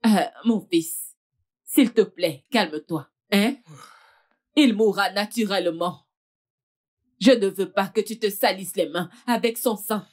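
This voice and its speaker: A woman dubbing a mother who begs her angry children to calm down, in a French film dub. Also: medium pitch, unhurried, pauses often, close to an everyday voice. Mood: pleading. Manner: pleading, soothing.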